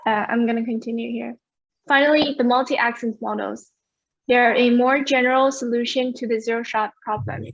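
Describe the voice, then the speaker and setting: A woman giving an academic conference presentation over a video call, explaining results clearly. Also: fairly high pitch, steady tone, normal speed, dry recording, highs cut off. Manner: clear, explanatory, asks for next slide.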